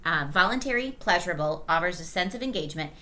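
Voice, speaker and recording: A woman's voice: on the low side, lively intonation, fast talker, pushed and bright. A young woman co-hosting a podcast, chatting playfully and reading research aloud. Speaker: podcast co-host. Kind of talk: casual chat.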